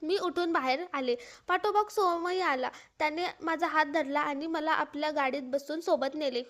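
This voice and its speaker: Casting: a storyteller woman with a high voice, earnest and mournful first-person narration. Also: moderate pace, fairly bright tone.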